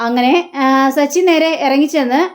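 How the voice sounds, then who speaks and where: A woman's voice: high-pitched, fairly even intonation, moderate pace, a little mellow. A woman casually retelling the plot of a TV serial episode, with frequent fillers. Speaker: serial review host.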